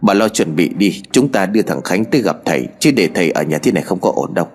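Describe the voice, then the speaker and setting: A man's voice: deep voice, animated, fast, slightly rough, voice pushed down. A man voicing an earnest, troubled middle-aged father who speaks with weary sighs, in a spoken horror story. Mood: urgent. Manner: sighing, earnest.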